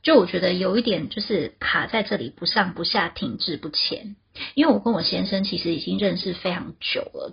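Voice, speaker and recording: Very raspy, creaky woman, muffled audio. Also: lowish voice. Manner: measured, candid. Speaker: guest answering questions. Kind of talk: reflective personal talk.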